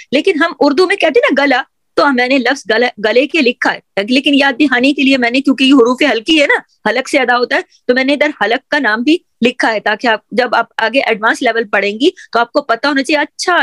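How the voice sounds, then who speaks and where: A woman, high-pitched and dryly recorded, patiently drills Quran letter sounds in a tajweed lesson for female learners. She repeats each sound, frequently checks in with "theek hai?", and offers gentle encouragement.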